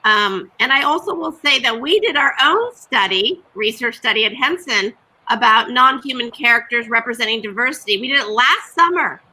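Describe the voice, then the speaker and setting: A woman talking casually as a guest on a video-call panel, lively and quick to laugh, with frequent restarts. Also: a little high. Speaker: television executive guest.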